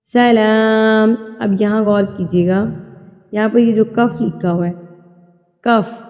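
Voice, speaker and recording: A woman teaching Quran tajweed, explaining rules patiently, repeating terms and checking understanding, with slow drawn-out recitation in between. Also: medium pitch, steady tone, mellow, long reverb tail.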